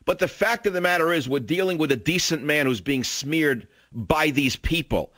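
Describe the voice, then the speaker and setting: A man's voice: on the high side, moderate pace, a bit bright, no echo. An older man hosting a call-in radio talk show, ranting in an indignant, combative way.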